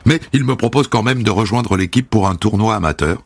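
A young man from Saint-Denis with a Paris-suburbs accent, narrating his own story in an animated, lively way. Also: lowish voice, fairly quick, creaky, breathy edge. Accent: Paris suburbs French. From Saint-Denis, France.

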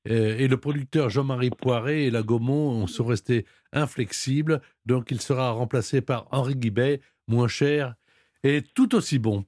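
A man hosting a radio show, presenting a quiz question and interviewing a guest in a brisk, lively way. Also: medium pitch, no room sound, clean studio sound. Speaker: radio host running a quiz.

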